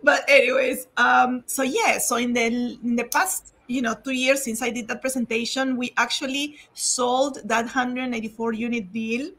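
A woman from Peru giving a quick, chatty update as a guest on a video call. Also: a little high, fairly even intonation, a bit bright. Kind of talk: casual live update.

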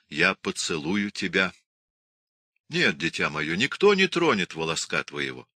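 A man's voice: lowish voice, sharp tone, no echo, clean studio sound, exaggerated voice. A man voicing a proud, hot-tempered young Cossack husband, speaking sternly and commandingly.

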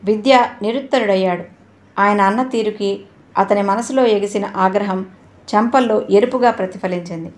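Brief: female audiobook narrator, steady and even, reading a novel chapter at a mid pitch. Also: normal speed.

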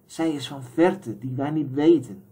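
A man voicing a wounded messenger who speaks slowly and pensively, word by word. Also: mid-range voice, voice pushed up, lightly acted. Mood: wistful. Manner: slow, pensive, measured. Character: dreamy awestruck male messenger, wounded.

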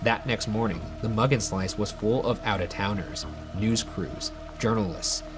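A young man hosting a show, reading a horror story in a measured way and chatting wryly in a dark studio. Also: lowish voice. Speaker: host and story reader. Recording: music playing underneath.

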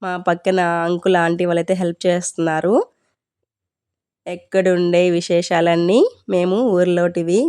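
A woman vlogger talks straight to her viewers in a polite, chatty way. Her voice is on the low side and stays very even in pitch. The sound is dry and close, as she explains things casually. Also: clear, resonant tone, dry recording. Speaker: home vlogger. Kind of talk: casual vlog narration addressed to viewers.

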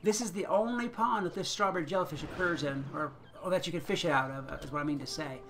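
Chatty man with a gravelly bright voice. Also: a little high, fast, a little hiss or hum. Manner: chatty, chuckling often, thinks aloud. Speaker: gaming channel host. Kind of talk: casual gameplay commentary.

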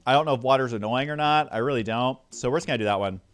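A man's voice: mid-range voice, very fast, smooth. A man giving casual commentary while playing a video game, chatty and joking as he reacts. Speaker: gaming YouTuber. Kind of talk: let's play commentary. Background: game music.

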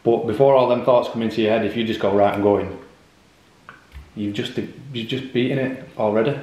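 A man in his thirties with a lowish voice talks things through in an encouraging, matter-of-fact way. His voice echoes around a bright kitchen. It is picked up by a camera sitting on the table. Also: fairly even intonation, brisk. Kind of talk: casual chat. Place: bright open kitchen, indoors. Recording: echoey room.

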